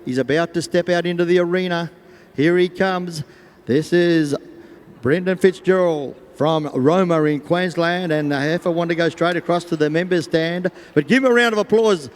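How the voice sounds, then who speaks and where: Echoing Australian male arena announcer, higher-pitched. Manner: folksy, voices imagined thoughts of riders and animals. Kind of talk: live sport commentary over public address. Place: large show arena over loudspeakers. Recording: echoing stadium PA, long reverb.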